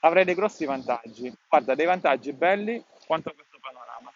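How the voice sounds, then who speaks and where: A man's voice: a little high, animated, a little fast. Man talking muffled through a face mask. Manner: didactic, repeats key points. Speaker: podcast host. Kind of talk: explanatory tutorial to camera. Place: outdoors at a scenic spot. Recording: dull, muffled lo-fi sound.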